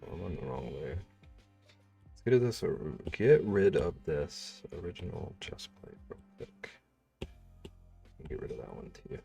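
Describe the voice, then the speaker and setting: Low gravelly man muttering while drawing. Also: sing-song, moderate pace, long pauses, dark tone. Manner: muttering and humming to himself while working. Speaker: streamer drawing live. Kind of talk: casual chat while drawing. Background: faint background music.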